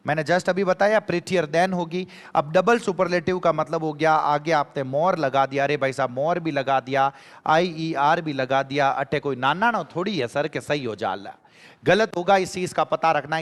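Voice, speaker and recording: A man teaching an exam-prep grammar lesson, animated, repeating key phrases and quizzing his students. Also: on the high side, moderate pace, in a large hall.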